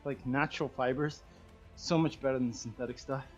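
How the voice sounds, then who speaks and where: A man teaching a martial arts kicking class, counting reps loudly and chatting and joking with students between sets. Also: medium pitch, fairly even intonation, a little fast, dull audio, faint music behind. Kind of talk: leading a live kicking workout class.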